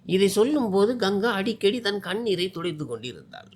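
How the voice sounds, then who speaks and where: Male narrator for an emotional story, expressive, animated, higher pitch. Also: moderate pace. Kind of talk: scripted narration.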